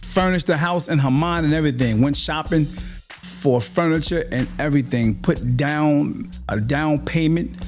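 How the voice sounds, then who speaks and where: A man's voice: a little high, measured pace, soft background music. A man hosting a podcast, reacting bluntly to a clip in slangy, preachy commentary. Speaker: podcast host.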